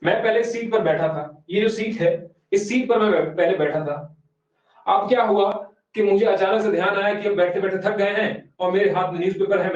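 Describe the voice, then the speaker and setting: A man teaching an online exam-prep class, explaining step by step, often quizzing students, and reading English definitions out very slowly. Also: high-pitched. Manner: explains step by step, keeps asking students questions. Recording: very echoey room, voice from far off, dull sound.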